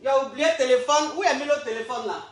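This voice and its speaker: A woman's voice: sits high, fast talker. A woman live-streaming as an online coach, talking casually and exuberantly to her viewers, teasing them and stretching out words for emphasis, a little out of breath. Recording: echoey room.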